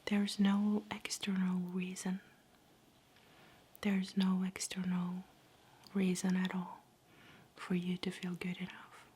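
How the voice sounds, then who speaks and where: A woman giving a whispered ASMR pep talk in a soft, breathy whisper, soothing, gentle and encouraging. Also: lowish voice, monotone, slow, long pauses. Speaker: ASMR host.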